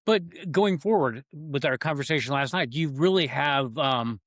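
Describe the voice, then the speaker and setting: A man hosting a podcast interview, asking halting questions with many restarts and giving brief acknowledgements. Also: on the high side, animated, a bit bright, dry recording, studio quality. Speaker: podcast host. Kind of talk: conversational interview.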